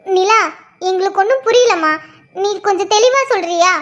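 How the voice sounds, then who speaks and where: A woman's voice: very high-pitched, normal speed. A woman voicing a middle-aged mother-in-law in a cartoon drama, pleading and soothing. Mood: concerned. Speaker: cartoon character voice.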